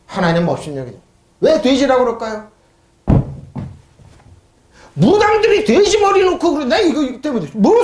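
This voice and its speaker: Male pastor preaching, voice jumps up and down a lot, keeps asking the crowd questions, echoey church hall. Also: high-pitched. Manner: emphatic, asks the congregation questions and answers them; mocks scoffers in a raised voice. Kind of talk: sermon. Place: church sanctuary.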